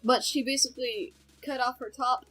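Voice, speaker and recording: A young woman talks her way through a reaction video with a friend, rambling and often correcting herself mid-thought. Her voice sits a bit high, and faint music runs in the background. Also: fairly even intonation, moderate pace, fairly bright tone, husky, low-quality recording. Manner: chatty and rambling, with sudden laughs and self-corrections. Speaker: video reactor, channel host. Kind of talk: casual reaction chat with a friend.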